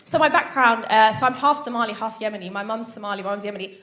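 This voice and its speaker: This young woman in her twenties talks fast in a fairly high, fairly bright voice on stage at a live comedy night. Chatty with the audience, she leans on tag questions and snorts when she giggles; the echoey venue picks up background noise.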